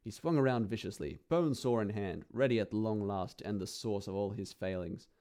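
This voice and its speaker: A man telling a grim fantasy tale in a low, mellow voice. His delivery is dry and theatrical, savouring each grisly turn. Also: normal speed. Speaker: narrator. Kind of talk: dramatic dark-fantasy storytelling.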